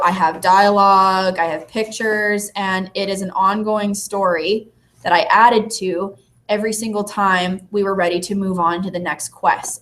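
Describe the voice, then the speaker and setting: A woman teacher giving a presentation, telling lively stories from her class and briefly acting out her students' lines. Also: medium pitch. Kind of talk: presentation to an audience.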